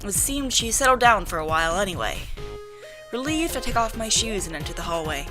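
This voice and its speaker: A woman's voice: mid-range voice, very animated, brisk. A woman reading first-person visual novel narration as an amateur voice-over. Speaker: narrator and reader. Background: music.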